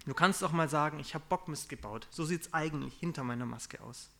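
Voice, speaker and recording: A young man preaching in a relaxed, conversational way, confessing his own failings and acting out what people say. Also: a little high, a little fast, vocal fry. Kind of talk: casual sermon.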